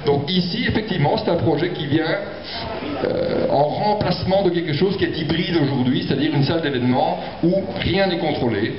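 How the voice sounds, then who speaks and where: A man's voice: on the high side, brisk, a crowd in the background. A man speaking as a developer at a public meeting, explaining himself with many stammered repetitions. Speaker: property developer presenting a project. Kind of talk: spontaneous argument at a public meeting. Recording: echoey, muffled hall with audience noise.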